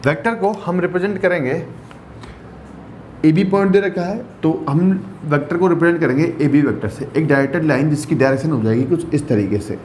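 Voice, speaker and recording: A man's voice: a little high, fairly quick, darkish tone, a little hiss or hum. A male maths teacher giving a classroom lecture, mixing in English terms and checking in often with rhetorical questions. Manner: mixes English terms into explanations.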